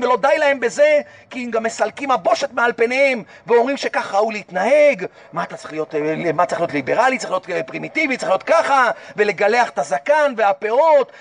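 A man's voice: extremely high pitch, no room sound, recorded from a distance. A man giving a passionate Torah sermon as a rabbi, urging his listeners on with repeated calls and rhetorical questions. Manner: impassioned, repetitive exhortation with rhetorical questions.

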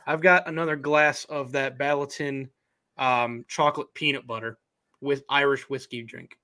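A young man co-hosting a casual sports podcast, easygoing and opinionated, talking in quick bursts. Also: medium pitch, steady tone, sharp tone. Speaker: podcast co-host.

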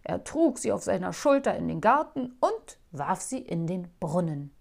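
A woman reading a children's story aloud in an expressive, playful way. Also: fairly low pitch, normal speed, vocal fry.

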